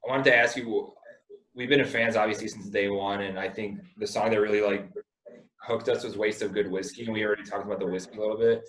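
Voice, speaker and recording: A man with a low voice hosts a podcast in an echoey room. He rambles and jokes, dropping casual swear words. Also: steady tone, quick pace, fairly bright tone. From Indiana. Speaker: podcast host.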